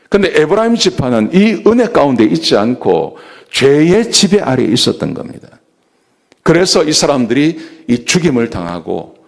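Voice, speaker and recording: Korean pastor guy preaching, voice swings up and down a lot, tells the story like acting it out. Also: medium pitch. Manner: storytelling preacher, acts out quoted lines. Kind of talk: sermon. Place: church.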